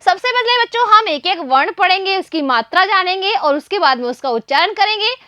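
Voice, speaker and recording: A woman teacher with a very high, bright voice leads a first-grade reading lesson. She speaks very slowly, sounding out each word syllable by syllable and prompting the children to repeat it. The recording is dry and close. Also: lively intonation, dry recording.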